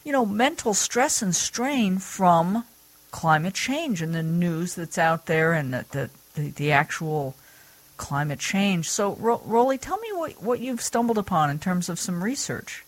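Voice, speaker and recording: Woman, radio host, casual interview chat, slightly low voice, dry close sound. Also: measured pace, no room sound. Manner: chatty, laughs easily, lively pitch swings.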